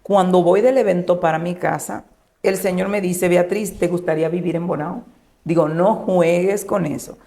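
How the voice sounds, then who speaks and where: A woman pastor, giving an emotional personal testimony and softly acting out the dialogue she recounts. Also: on the low side, fairly even intonation, normal speed. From Dominican Republic. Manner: storytelling, acting out quoted dialogue in a hushed voice.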